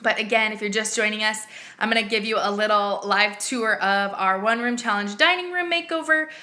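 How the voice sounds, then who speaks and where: A woman chatting casually and informally as she gushes through a live home makeover reveal tour. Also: on the high side. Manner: gushing, excited makeover reveal. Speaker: home decor blogger giving a live video tour. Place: indoors in a home dining room.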